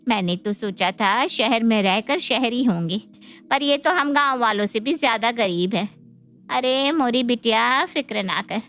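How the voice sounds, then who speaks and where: A woman's voice: on the high side, fairly bright tone. A woman voicing a middle-aged village woman with folksy speech and blunt opinions in a cartoon. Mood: indulgent. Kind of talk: cartoon voice acting.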